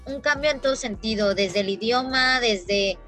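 Bright-voiced Mexican woman telling stories. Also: a little high, normal speed, soft background music. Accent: Mexican Spanish. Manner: animated storyteller, many fillers. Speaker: guest. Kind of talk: casual chat.

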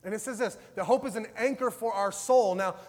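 High-voiced passionate preacher man in a hall. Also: fairly quick. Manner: passionate, conversational preaching with a wide swing between loud and soft. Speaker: pastor. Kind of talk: sermon.

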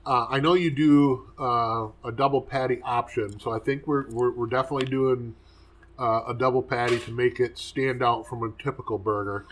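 A man's voice: mid-range voice, normal speed, a little hiss or hum. A man co-hosting a podcast, chatting casually while eating. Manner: relaxed, chatty, laughs easily. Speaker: podcast co-host. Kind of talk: casual chat over food.

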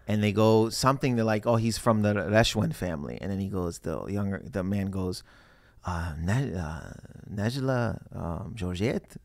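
Low-voiced guy telling a long story, acts out everyone's voices, very dry close sound. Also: vocal fry, no echo. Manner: animated storyteller who acts out quoted voices. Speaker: stand-up comedian guest. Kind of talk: casual storytelling chat.

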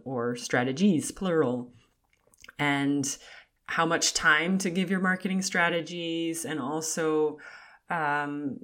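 A woman hosts her own podcast solo, talking in a loose, chatty way and laughing lightly between phrases. Her voice is low-pitched and fairly bright, with a slight rasp to it.

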